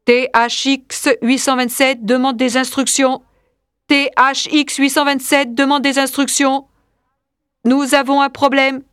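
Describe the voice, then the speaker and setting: A woman reading the lines of an android disguised as a male teacher, in a flat, even manner. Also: high-pitched, a little slow, clear, resonant tone, no room sound, studio quality, pitched above the performer's own voice. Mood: cold. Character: android teacher posing as human, cold and calculating.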